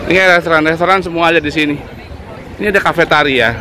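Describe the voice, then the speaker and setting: A man's voice: fairly high pitch, racing. A man in his forties giving casual walking-tour commentary on a handheld phone, pointing things out as he walks along a city street at night. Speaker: vlogger. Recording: street crowd noise and music.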